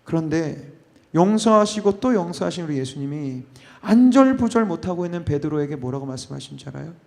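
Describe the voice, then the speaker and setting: A male pastor preaching a sermon, swinging between loud, emotional exclamations and hushed, near-whispered lines. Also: a little high, lively intonation, brisk, gravelly. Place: church worship space.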